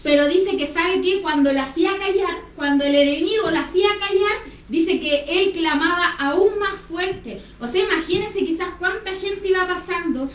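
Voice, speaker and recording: Lady preaching, high voice, echoey room, bit of hiss, far off the mic. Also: normal speed. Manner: fervent, dramatizes Bible scenes. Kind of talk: preaching on a radio-style program.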